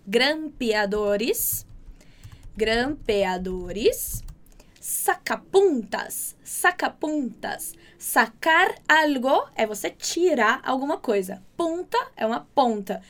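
A woman from Brazil giving a chatty, upbeat Spanish lesson, drilling words slowly and repeating them. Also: on the high side, animated. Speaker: Spanish teacher. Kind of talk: casual online language lesson.

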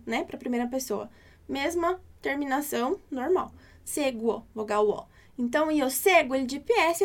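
Woman, Brazilian accent, high voice, patient teacher, slow modeled phrases. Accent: Brazilian Portuguese. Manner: patient, checks in often with tag questions; slows down to model foreign phrases. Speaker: Italian teacher. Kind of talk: online language lesson.

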